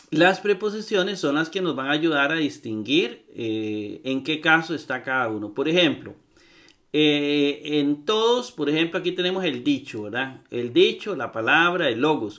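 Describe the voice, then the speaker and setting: A man giving a recorded grammar lesson. He talks haltingly, with many fillers and repeated words, and checks in with his listeners. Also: on the high side, animated, fairly bright tone. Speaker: Greek grammar teacher.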